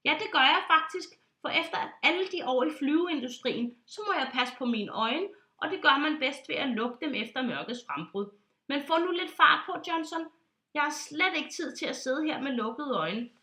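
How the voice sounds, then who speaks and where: A woman voicing a fussy, bossy duck pilot in a read-aloud storybook who scolds in a loud, high, pompous way. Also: animated, few pauses. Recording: roomy echo.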